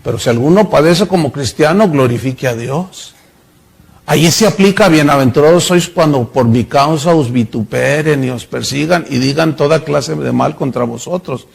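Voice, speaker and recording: A man's voice: on the high side, moderate pace, vocal fry, slightly rough. A middle-aged male pastor preaching a sermon, telling stories and acting out the voices in them. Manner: storytelling preacher, acts out voices in anecdotes.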